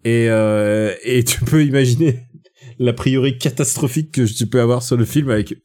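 Male podcast host, mellow dark tone, chatty and digressive. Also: mid-range voice, normal speed. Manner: chatty, digressive, with frequent restarts. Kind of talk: casual film chat.

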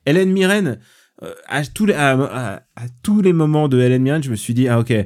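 A man with a middle-pitched voice talks through a film in a loose, casual podcast chat. He gets animated, swears freely and keeps trailing off and starting over as he riffs. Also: a little fast. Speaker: podcast co-host reviewing a film.

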